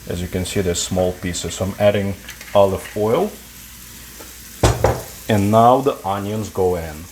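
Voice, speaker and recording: Low-voiced man hosting a cooking show. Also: noisy background. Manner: relaxed, halting explanations with fillers. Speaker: cooking channel host. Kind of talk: home cooking tutorial. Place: home kitchen.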